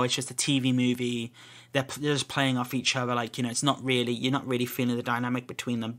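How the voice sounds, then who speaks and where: Bright-voiced man reviewing films. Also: mid-range voice. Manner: rambling, loose talk that often restarts its own sentences. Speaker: podcast host. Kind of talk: solo film review podcast.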